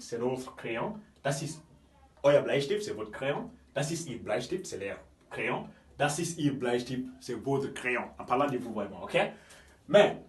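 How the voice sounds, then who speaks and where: A man teaching German grammar in a classroom style, often checking in with "ok?" and repeating key points. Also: mid-range voice. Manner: repetitive, checks understanding with frequent "ok?"; stresses German example words, drops off at phrase ends. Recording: roomy echo, mic at a distance.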